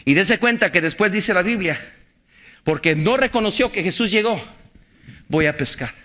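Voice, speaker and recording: A man, a pastor preaching an impassioned sermon, hammering rhetorical questions and at times shouting. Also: sits high, moderate pace.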